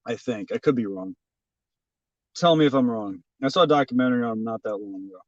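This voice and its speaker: A man's voice: medium pitch, fast, dry recording. A man live-streaming to his chat from city streets, talking in a casual, profane, rambling way with lots of fillers, recorded on his phone. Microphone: phone held by the streamer. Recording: slightly dull lo-fi phone audio.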